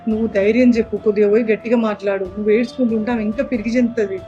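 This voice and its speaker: A woman playing an anxious, hurried daughter-in-law. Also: mid-range voice, fairly even intonation, warm tone, lo-fi sound, soft background music, close to an everyday voice. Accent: Telangana Telugu. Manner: urgent, pleading. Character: worried daughter-in-law caring for sick relative. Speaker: actor in a family drama.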